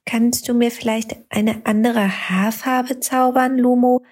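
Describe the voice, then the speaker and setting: A shy little kindergarten girl from a bedtime story, voiced by a woman narrator. She speaks quietly and hesitantly, pitched higher than the reader's own voice. Her tone is soft and a little breathy. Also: fairly even intonation, slow. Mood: shy, hopeful.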